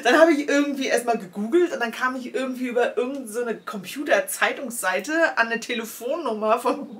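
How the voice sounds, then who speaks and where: A woman's voice: fairly high pitch, a bit bright. A woman hosts a casual podcast, telling stories chattily, acting out dialogue and often adding "ne?". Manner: chatty storyteller, acts out dialogue, frequent tag "ne?". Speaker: knitting podcast host. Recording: voice a bit distant from the mic.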